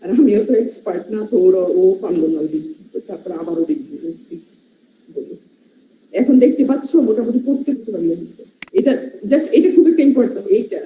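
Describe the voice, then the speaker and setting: A woman's voice: mid-range voice, animated, brisk, warm tone, a little hiss or hum. A woman with a Bangladeshi accent gives a medical lecture, switching between Bengali and English and listing terms while checking in with "right?". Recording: muffled, echoey classroom recording.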